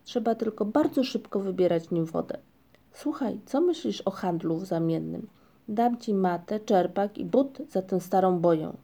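A woman's voice: mid-range voice, lively intonation, normal speed, dark tone. A woman reading a storybook, voicing a small, fretful, greedy young male creature who whines and pleads. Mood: eager. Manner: whiny, pleading.

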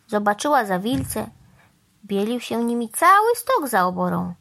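A woman reading a children's story aloud in an animated, expressive way. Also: fairly high pitch, unhurried, creaky.

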